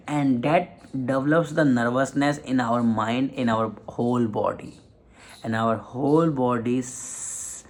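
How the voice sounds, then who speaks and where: A communication skills coach gives a motivational self-help lesson on confidence and public speaking. His middle-pitched, darkish voice moves slowly and deliberately, with frequent pauses and restarted phrases. The recording is rough.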